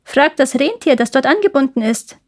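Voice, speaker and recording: A woman's voice: high voice, lively intonation, normal speed, voice pushed up. A woman voicing a pair of wood pigeons who speak plaintively in a storybook reading.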